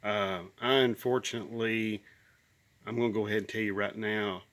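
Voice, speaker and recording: In his cluttered garage, a man in his fifties films himself on a phone held at arm's length, rambling folksily about his old car with lots of ums and restarts. Sick with bronchitis, he sounds slightly nasal; his voice is fairly low and a bit bright, with fairly even intonation at normal speed.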